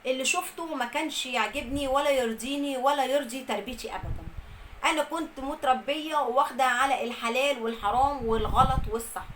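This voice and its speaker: Young egyptian woman telling her story, kinda high voice, earnest, lists stuff over and over. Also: a bit bright, slight background noise, low-quality recording. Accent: Egyptian Arabic. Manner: earnest, with repeated emphatic lists. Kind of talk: first-person storytelling.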